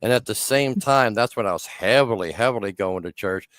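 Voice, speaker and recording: A man in his sixties hosts a casual podcast chat, his voice low and resonant. He rambles from memory to memory, breaking off and restarting his sentences, and the sound is close and dry. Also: a little fast, fairly bright tone, no echo. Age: 60s. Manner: rambling, self-interrupting storyteller. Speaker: podcast host.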